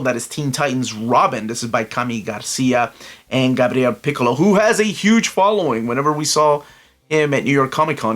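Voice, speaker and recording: In this casual solo review vlog, the host of a comic book collector channel, a middle-aged man from Peru, speaks in a mid-range, slightly bright voice. He is enthusiastic and talkative, often wandering off into tangents packed with fillers.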